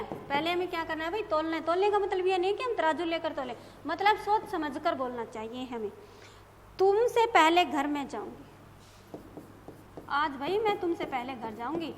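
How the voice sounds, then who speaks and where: A woman teacher giving a grammar lesson to young pupils, often asking questions and answering them herself. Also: very high voice. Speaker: school teacher. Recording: echoey classroom with long reverb, faint noise.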